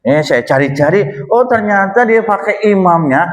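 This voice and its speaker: A man's voice: sits high, animated, normal speed, low-quality recording. A man teaching a Quran study group, chatty and joking, often asking his listeners questions. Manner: chatty, asks the audience questions, jokes often. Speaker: religious teacher. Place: small prayer hall, live gathering.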